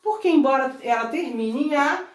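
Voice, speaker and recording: In a roomy recording made from a distance, a Brazilian woman with a high, animated voice gives a grammar lesson to children at a classroom board. She talks at a normal speed in a Brazilian Portuguese accent, coaxing her young students and drawing words out syllable by syllable.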